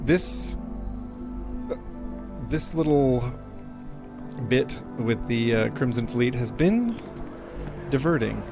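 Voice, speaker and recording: A man's voice: mid-range voice, animated, slow, gravelly, long pauses, over music. A man giving casual live gameplay commentary, playful and muttering to himself with little sing-song asides. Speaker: game livestreamer.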